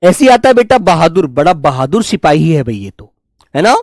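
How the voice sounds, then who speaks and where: A man teaching a Hindi exam-prep class, calling his students "my children" and repeating words slowly. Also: fairly high pitch, sing-song, darkish tone, dry recording, clean studio sound.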